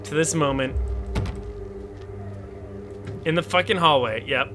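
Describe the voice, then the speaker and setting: A man's voice: fairly high pitch, slow pace, over music. A young man, drunk, swearing freely as he plays a horror game live and reads its notes aloud in a mock-official tone. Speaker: streamer playing a horror game. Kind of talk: drunk live-stream commentary.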